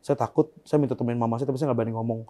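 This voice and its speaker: A young man as an interview guest, telling a painful personal story in a soft, subdued way that often trails off quietly. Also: medium pitch, fairly even intonation, very fast.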